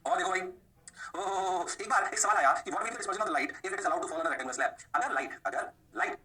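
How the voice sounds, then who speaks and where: A man teaching physics in a lively lecture, mixing Hindi and English and answering his own questions in a lower voice. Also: moderate pace, recorded from a distance.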